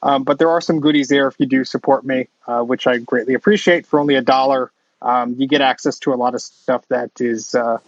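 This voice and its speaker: A man co-hosting a casual podcast over a video call, relaxed and full of fillers. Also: mid-range voice, fairly quick, no room sound, dull audio. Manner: relaxed, filler-heavy plugging. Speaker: podcast co-host. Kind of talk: casual chat.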